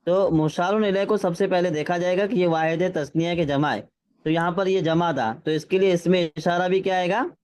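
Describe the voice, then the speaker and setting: High-voiced man teaching Arabic grammar. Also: darkish tone, clean tone. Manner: patient, checks understanding, reads Arabic phrases slowly. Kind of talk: classroom lesson with drills. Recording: slightly dull lo-fi sound.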